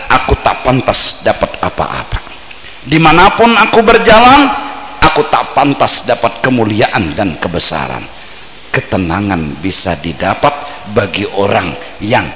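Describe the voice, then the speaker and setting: Slow, low-voiced Banjar man preaching, captured on old worn tape in a big reverberant hall. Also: a little hiss or hum. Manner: lively, swings between playful shouts and low earnest asides. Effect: old worn tape recording. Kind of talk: mosque sermon.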